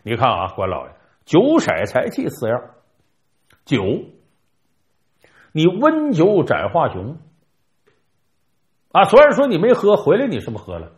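A man's voice: on the high side, huge pitch swings, measured pace, long pauses. A man voicing a weary old male turtle who pleads and then needles with a sly, argumentative manner, in a told folk tale. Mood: sly, needling.

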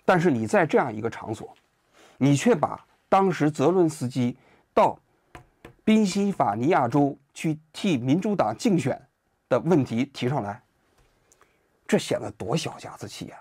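Male commentary host, lively rhetorical delivery, husky tone, dry close-mic sound. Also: a little high, moderate pace, no echo. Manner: animated, full of rhetorical questions. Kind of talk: casual commentary monologue.

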